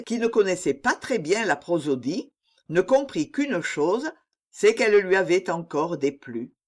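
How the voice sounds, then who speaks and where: Audiobook narrator for a classic novel, measured, unhurried, mid-pitched. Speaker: audiobook reader.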